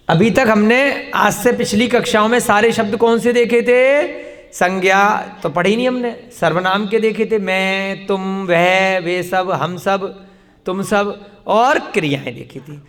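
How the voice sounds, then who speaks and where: A male teacher with a high voice runs a slow, deliberate classroom lesson, drilling his students with question after question. His voice rings out in a room with a long reverb tail. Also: fairly bright tone.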